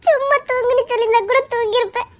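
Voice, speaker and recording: High-pitched woman whining and giggling, begging her husband to just say it, casual couple vlog. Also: fairly even intonation, fast, a bit bright. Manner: pleading, laughs and whines while coaxing. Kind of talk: casual couple prank chat.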